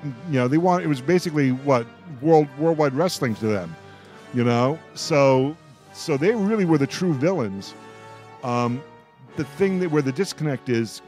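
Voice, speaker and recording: Leading a radio roundtable, this male host rambles casually as if trading thoughts with fellow fans, often pausing to say words again. The pitch is medium and the tone somewhat dark.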